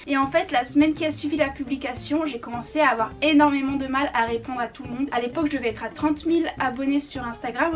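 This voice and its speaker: A woman's voice: sits high, distant mic. A young woman chatting casually in an upbeat vlog, explaining what she does as she goes. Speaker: YouTuber.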